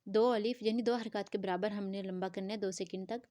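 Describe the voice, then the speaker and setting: Woman slowly spelling out recitation lessons. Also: mid-range voice, fairly even intonation, warm tone, no echo. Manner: spells words letter by letter, drawing out nasal sounds. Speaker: Quran recitation teacher. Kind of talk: slow spelling-out tajweed lesson.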